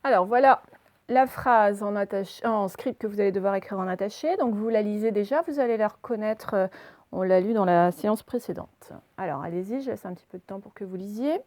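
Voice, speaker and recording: A woman primary school teacher carefully enunciates letters and syllables as she gives young pupils a spelling dictation. She speaks a little fast in a darkish mid-range voice, recorded dry.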